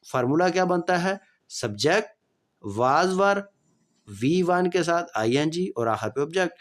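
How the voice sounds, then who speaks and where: A native Urdu-speaking man teaching English past tenses, reading the English examples slowly and clearly. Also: a little high. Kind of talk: explaining grammar lesson.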